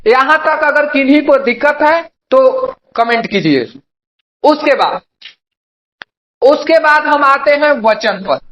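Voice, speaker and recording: Animated and slow, with frequent pauses, this young Bihari man's extremely high, slightly bright voice leads an online grammar class. He keeps up a call-and-response pattern, asking questions and answering them himself while addressing students as "babu." The room sound is noticeable, and the high frequencies are cut off.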